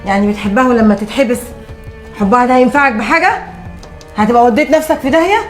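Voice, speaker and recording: A woman's voice: fairly high pitch, rapid-fire, faint music behind. A middle-aged woman with an Egyptian accent acting a nagging, disapproving mother. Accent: Egyptian Arabic.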